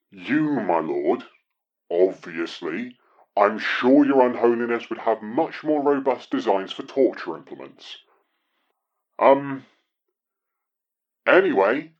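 An actor playing an eager, over-polite male underling from hell, rambling on while he leaves a voicemail for his boss. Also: fairly low pitch. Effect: voicemail message played back over a phone. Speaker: caller leaving a voicemail. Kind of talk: comic audio drama acting. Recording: dull lo-fi phone playback.

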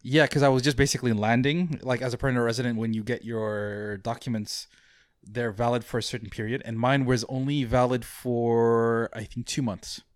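A young man from Mauritius who grew up abroad speaks in a mid-range voice, recorded close and dry. He talks casually as an interview guest, pausing, restarting and trailing off, with an easy, amused tone. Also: mid-range voice, flat delivery, dry recording. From Mauritius, raised in Saudi Arabia. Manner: hesitant, many fillers and restarts, chuckles easily.

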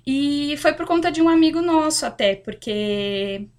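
High-voiced Brazilian woman podcast host. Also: unhurried. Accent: Brazilian Portuguese. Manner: chatty, relaxed personal storytelling. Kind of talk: casual chat.

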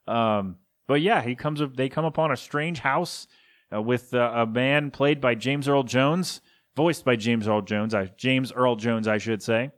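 A man's voice: medium pitch, a little slow. A man hosting a casual solo podcast, rambling through listener suggestions with chuckling asides and lots of ums and uhs. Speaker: podcast host.

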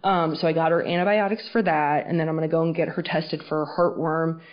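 A woman hosts a casual solo podcast in a fairly low voice. The audio is dull and muffled, so she sounds underwater. She speaks frankly and informally, with plenty of swearing. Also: steady tone, brisk. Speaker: podcast host.

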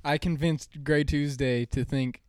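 A man's voice: on the high side, unhurried, dry recording, clean studio sound. Young man telling a casual story. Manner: relaxed storytelling, runs down lists. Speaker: podcast co-host. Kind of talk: casual podcast chat.

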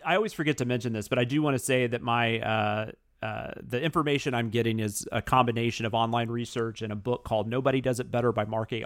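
A man's voice: mid-range voice, no echo. Rambling man hosting a podcast, dry sound. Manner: rambling, self-deprecating, laughs often. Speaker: podcast host. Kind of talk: casual chat.

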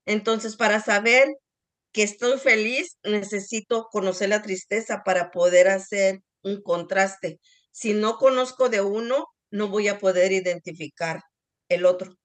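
A woman's voice: medium pitch, unhurried. A woman leading a parenting group, explaining to the parents and addressing them directly. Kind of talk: casual group talk. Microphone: video call.

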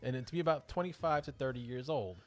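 A man's voice: medium pitch, fast talker. A man hosting a podcast, telling strange stories in a casual, joking way with asides and self-corrections. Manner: lively, joking, self-interrupting. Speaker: podcast host.

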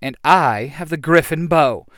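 A man voicing an eager young female hero with an excited manner. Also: fairly high pitch, measured pace, gravelly, no room sound, clean studio sound.

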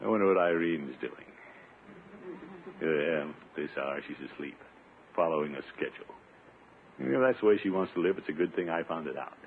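An actor playing a pompous, impulsive middle-aged bachelor uncle with blustery, theatrical delivery in 1950s radio comedy style. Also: male voice, sits low, animated, normal speed, long pauses, narrow, tinny audio. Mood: restless, scheming. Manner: blustery, theatrical, talks to himself. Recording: noisy, band-limited 1950s radio recording.

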